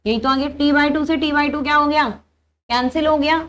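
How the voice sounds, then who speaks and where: A woman's voice: high voice, steady tone, normal speed, a bit bright. A young woman teaching an engineering class, working through each step aloud and answering her own questions. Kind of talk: engineering lecture.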